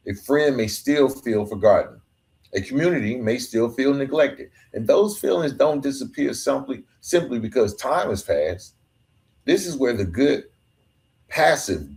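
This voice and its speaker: This man's mid-range voice has a darkish tone. Hosting a podcast alone, he gives a heartfelt, forceful motivational talk in everyday language, occasionally tripping over words.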